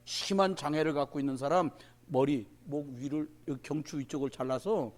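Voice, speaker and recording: A man's voice: on the high side, moderate pace, a little mellow. A male pastor preaching a sermon at a prayer meeting, emphatic and colloquial, calling out directly to the congregation.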